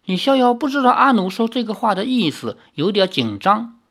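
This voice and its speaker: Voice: mid-range voice, sing-song, normal speed, fairly bright tone. An audiobook narrator reading a novel dramatically, with casual asides.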